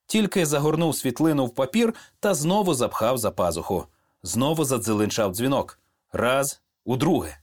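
Expressive male storyteller, lively pitch. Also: normal speed. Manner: expressive storytelling, acts out characters. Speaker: narrator. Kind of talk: audiobook narration.

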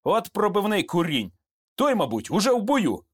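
A seasoned sergeant, voiced by a man in a raised, lively voice, bantering with coarse humor and barking plain orders. He sounds blunt and fatherly toward the young soldiers. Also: sits high, normal speed, slightly rough, pitched above the performer's own voice, exaggerated voice. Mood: encouraging.

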